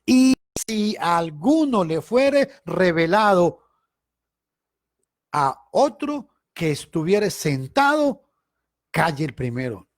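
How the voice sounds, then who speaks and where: A man leads a Bible study like a sermon, with a fairly high voice that leaps up and down. He stresses key words loudly, then drops into quiet asides. The sound is dry and close. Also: very animated, slow pace, no echo. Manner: emphatic, swings between loud stress and quiet asides. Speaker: Bible teacher.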